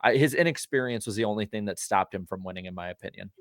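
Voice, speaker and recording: A man's voice: on the low side, fast, dry recording, clean studio sound. A man co-hosting a podcast, talking casually and ramblingly about motorsport. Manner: rambling, many fillers and restarts. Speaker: podcast co-host.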